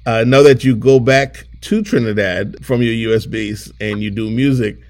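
A man hosting an interview show, first narrating an intro, then asking questions in a lively way with frequent restarts. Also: medium pitch, normal speed. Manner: lively, repeats words and restarts often as he asks questions. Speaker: show host.

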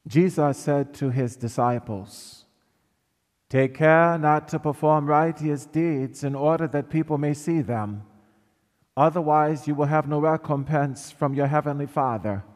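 A male priest leading Mass with measured, solemn reading and sung acclamations, his voice ringing with a cathedral echo in a large church. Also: a little high, a little mellow. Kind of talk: liturgical reading and chanting at Mass. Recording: long church reverb.

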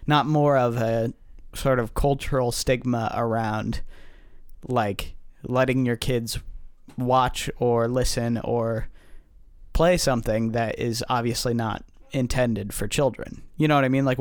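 A young man co-hosting a podcast, speaking casually in halting bursts, repeating words and using fillers. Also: mid-range voice, fairly even intonation, smooth, no echo, studio quality. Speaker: podcast co-host. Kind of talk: casual discussion.

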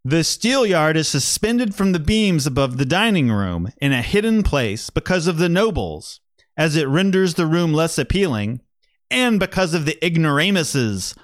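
A man reading out a quote as a haughty older Renaissance physician, slow and formal. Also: fairly high pitch, sing-song, dry recording, clean studio sound.

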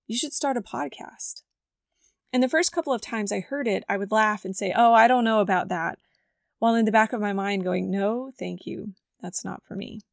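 With a scratchy, gravelly voice at a middle pitch, a podcast host reads her personal story from a script for a devotional show. She speaks at normal speed, earnest and reflective, and the close mic leaves the sound dry with no room echo.

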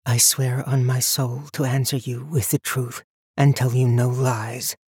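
A man voicing a woman under oath who speaks heavy and quiet. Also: medium pitch, flat delivery, a little slow, husky, no echo, clean studio sound, pitched above the performer's own voice. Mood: solemn.

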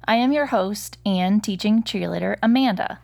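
A woman's voice: mid-range voice, moderate pace, vocal fry, darkish tone. A woman in her thirties from the American Midwest, hosting a podcast in an upbeat, encouraging way with casual fillers. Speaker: podcast host.

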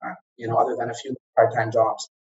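A man's voice: medium pitch, monotone, fast, darkish tone. A man from Egypt who grew up in Kuwait, recounting his early career in an interview, with frequent fillers and restarts. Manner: hesitant, many fillers and restarts. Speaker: guest, former franchise operator. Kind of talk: conversational interview. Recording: distant, dull lo-fi sound.

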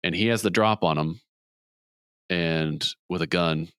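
A man hosting a podcast, casually retelling a movie plot with quick voiced quotes. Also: deep voice, a bit bright, clear, resonant tone, no room sound, studio quality. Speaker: podcast host. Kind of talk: casual movie recap chat.

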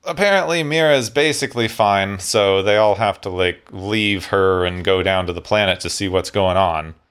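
Brief: male podcast host, lowish voice, relaxed casual recap, dry snark. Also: moderate pace, smooth. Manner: dry, snarky narration of plot points.

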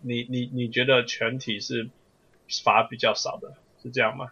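A man's voice: mid-range voice, little pitch movement, moderate pace, sharp tone, breathy edge, lo-fi sound. A man chatting casually about sports as a co-host, often slipping into English. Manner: code-switches between Mandarin and English.

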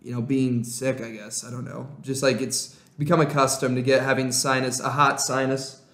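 Young american bro on a podcast, rambly and slangy, room echo on the mic. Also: male voice, medium pitch, level tone, moderate pace, fairly bright tone. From Illinois, United States. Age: young adult. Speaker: podcast co-host. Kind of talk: casual chat. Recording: roomy echo.

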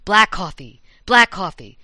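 A woman's voice: mid-range voice, animated, unhurried, pushed and bright, no room sound, studio quality. A woman voicing the vengeful ghost of a murdered sister in an eerie whisper, in a told campfire story.

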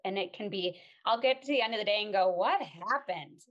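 A woman in her thirties hosts a casual podcast interview. She sounds upbeat and affirming, with a voice of medium pitch. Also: quick pace, highs cut off. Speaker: podcast host.

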